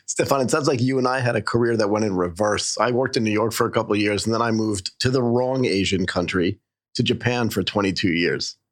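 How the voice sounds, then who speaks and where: A man co-hosting an interview podcast, chatty and jokey with quick asides. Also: lowish voice. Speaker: podcast co-host. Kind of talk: casual interview banter.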